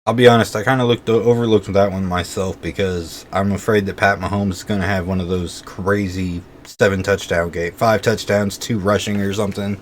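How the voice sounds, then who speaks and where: A man's voice: low-pitched, steady tone, brisk, few pauses, slight background noise. A man co-hosting a sports podcast, giving casual, opinionated takes and hedging with "I think".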